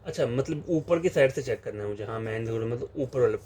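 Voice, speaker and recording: Mellow-voiced male tutor. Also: mid-range voice, animated, husky. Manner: explanatory, repeats phrases and fillers, slow reading of question text. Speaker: reasoning teacher. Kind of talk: exam-prep lesson, solving questions on a board.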